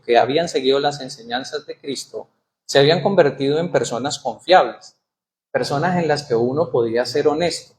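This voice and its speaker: A man's voice: mid-range voice, darkish tone. A man preaching a sermon in church, asking the congregation questions and reading scripture aloud with rising emphasis. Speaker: pastor.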